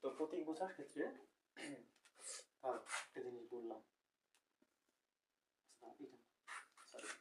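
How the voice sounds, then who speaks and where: A man's voice: medium pitch, a little slow, long pauses, a little mellow, distant mic, slight background noise, rough recording. A young man teaching a recorded chemistry lecture, explaining step by step and asking the class questions, correcting himself as he goes.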